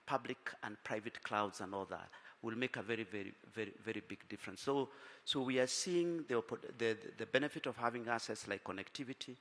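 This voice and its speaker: A man's voice: medium pitch, a bit bright. A man speaking as a panelist, businesslike, with many fillers and restarts. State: tired from little sleep. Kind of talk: panel discussion answer. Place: conference hall. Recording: reverberant conference hall.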